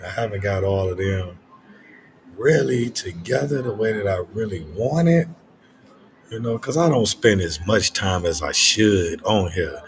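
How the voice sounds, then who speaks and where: An older man hosting a casual late-night monologue in a reflective, halting way, repeating phrases for emphasis. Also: low-pitched, slight background noise. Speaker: host of a late night talk stream.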